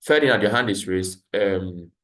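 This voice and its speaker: During a live tutorial on a video call, a man narrates over his screen share, walking through steps and going over his points again. His voice is lowish and a bit bright, at normal speed.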